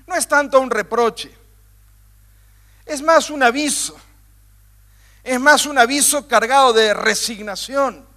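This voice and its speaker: A man's voice: extremely high pitch, takes it slowly, pauses often, bright, forceful tone. A man preaching a sermon with emphatic, building repetition, talking directly to his listeners.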